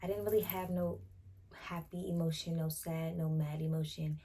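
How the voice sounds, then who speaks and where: A woman's voice: low-pitched, slightly rough. A teenage woman answering viewer questions in a casual, matter-of-fact vlog chat. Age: teens. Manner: relaxed, drawn-out, matter-of-fact. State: out of breath. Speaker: vlogger.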